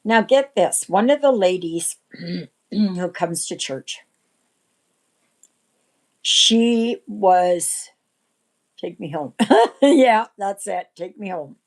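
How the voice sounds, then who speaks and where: A woman in her sixties hosting a casual livestream chat, rambling and often clearing her throat. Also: medium pitch, expressive, drawn-out words, pauses often, rough recording. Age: 60s. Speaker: livestream host.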